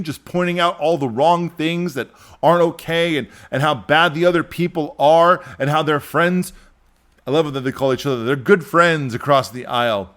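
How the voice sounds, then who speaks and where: Animated male podcast host ranting. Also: on the high side. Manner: animated, exasperated ranting with mocking impressions. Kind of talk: opinion monologue.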